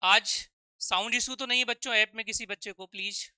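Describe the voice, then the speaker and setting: Bright, crisp-voiced man teaching a class. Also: high-pitched, fairly even intonation, a little fast, dry recording, studio quality. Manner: repeats 'okay?' to check students follow; calls students 'children' and 'dear'. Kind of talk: live online exam-prep lecture.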